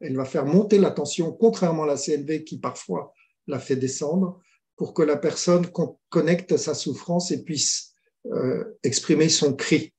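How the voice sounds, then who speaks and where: A French man who works as a mediator is a guest in a conversational interview, working through ideas and telling stories. He's hesitant, with frequent fillers and restarts. His voice is a little high and darkish, at a moderate pace.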